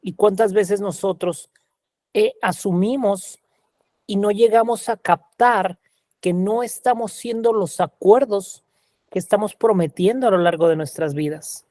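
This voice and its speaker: Man, workshop facilitator, slow questioning delivery, dry close sound. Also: sits high, mellow, no room sound. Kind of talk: coaching workshop talk.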